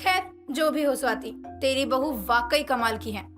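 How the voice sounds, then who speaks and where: A woman's voice: sits high, measured pace. A woman voicing a sly, teasing middle-aged neighbor who mocks others. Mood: mocking. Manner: mocking, sly. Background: background music.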